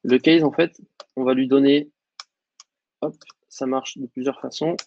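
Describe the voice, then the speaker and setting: A man teaching a coding lesson over a screen share, explaining in a relaxed way with lots of fillers. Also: mid-range voice, a little slow, dull audio, slight background noise. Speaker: coding instructor.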